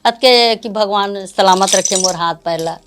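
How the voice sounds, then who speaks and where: A woman's voice: medium pitch, measured pace, noisy background. An older woman with a Chhattisgarhi accent, a folk singer talking unhurriedly in an interview, laughing often. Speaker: Bharthari folk singer, guest. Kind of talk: casual interview talk.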